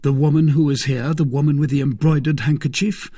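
A man's voice: fairly high pitch, steady tone, brisk, mellow, husky, pitched above the performer's own voice. A man voicing a bold, resolute young musketeer in a storybook reading, firm and urgent.

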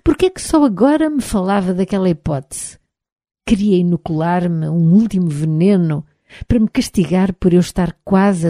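A woman with a European Portuguese accent narrating an audiobook in a measured, even reading, recorded on a close mic. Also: lowish voice, no room sound.

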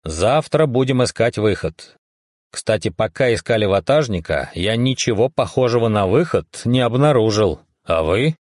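A man's voice: lowish voice, expressive, moderate pace, darkish tone, no room sound, clean studio sound. A man voicing a stern colonel giving curt orders in an audiobook. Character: stern older male colonel, commanding.

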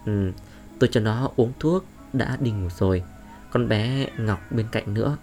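A man's voice: lowish voice, measured pace, mellow, faint music behind. A man voicing an anxious middle-aged wife and mother who cries out shrilly in alarm. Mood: worried.

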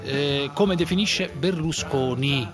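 A man's voice: a little high, slow pace, over music. A man hosting a live radio phone-in, blunt and insistent, often cutting in on guests. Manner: blunt, pressing, interrupting. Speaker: radio talk show host.

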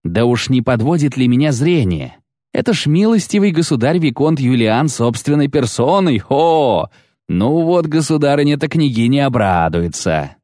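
A man's voice: medium pitch, animated, moderate pace, a little mellow, no echo, studio quality, voice pushed up, close to an everyday voice. A man voicing a boisterous, pompous baron knight in an audiobook. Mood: blustering. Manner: boisterous, repeats a pet oath. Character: blustering pompous middle-aged male baron knight.

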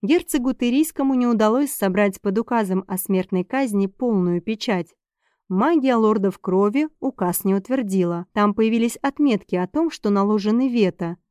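A woman narrating a novel in a steady, measured storytelling manner. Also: medium pitch, clean tone, dry recording, clean studio sound. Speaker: audiobook narrator. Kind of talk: scripted narration.

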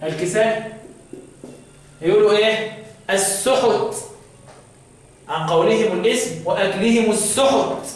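High-voiced Egyptian teacher in an echoey hall. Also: male voice, normal speed, pauses often. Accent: Egyptian Arabic. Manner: quizzing students, repeating answers, chanting verses. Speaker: Quran recitation teacher. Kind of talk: classroom lesson with call-and-response. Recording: echoey room, distant mic.

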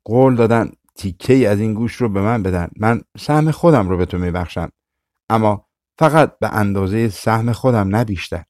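A man's voice: lowish voice, darkish tone, dry recording, studio quality, natural voice. A man voicing a timid, kind young brother. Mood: gentle. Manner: hesitant, fearful.

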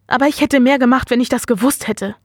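A woman voicing a gravely ill young daughter, angry and hurt, in a higher voice than her narration. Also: quick pace, darkish tone, no room sound, studio quality. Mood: furious.

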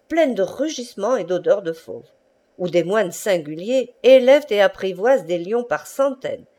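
A woman's voice: medium pitch, a little mellow. A woman voicing a suave, worldly prince who explains things at length, in an audiobook reading. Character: smooth-talking worldly male prince, a schemer.

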